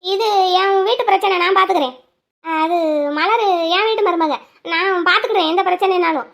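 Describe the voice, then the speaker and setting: A woman's voice: very high voice, moderate pace, gravelly, a bit bright, dull audio, full character voice. Woman voicing a bossy scolding mother-in-law. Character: scolding village mother-in-law, sharp-tongued. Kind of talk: cartoon voice acting.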